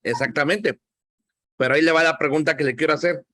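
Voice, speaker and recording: A man's voice: on the high side, brisk, sharp tone, dry recording, clean studio sound. A man with a Mexican accent teaching a Bible class, talking conversationally and asking the class questions.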